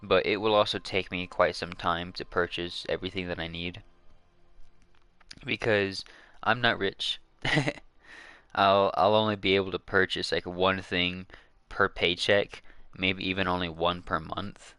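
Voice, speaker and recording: A man's voice: low voice, level tone, measured pace, pushed and bright, smooth, dry recording. A man chatting casually to his viewers while waiting on a live stream, rambling with lots of fillers and restarts, hiccuping now and then.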